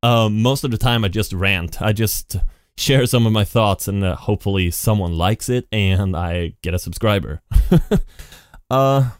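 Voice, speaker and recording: A low-voiced man speaks slowly on his podcast, rambling through an unscripted solo monologue with many restarts and repeated "and". His tone is clear and resonant. He uses a studio podcast mic with effects at a home computer, and the studio-quality audio has no room sound.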